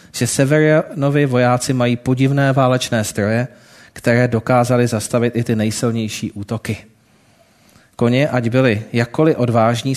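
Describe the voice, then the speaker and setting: A man's voice: mid-range voice, a little mellow. Man telling a story in a sermon. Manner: reads a story, breaks off for casual asides to listeners.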